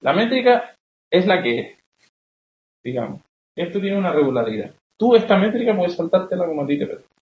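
A man's voice: sits high, sing-song, fairly quick. A young man, teaching a poetry class and often checking that students follow. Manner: explanatory, keeps checking with questions. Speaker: literature teacher. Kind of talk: classroom lecture. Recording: roomy, dull classroom recording.

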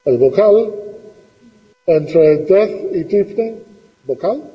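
A man's voice: sits high, animated, extremely slow, in a large hall, muffled recording. A middle-aged man teaching a classroom lesson, patiently asking questions and repeating the students' answers.

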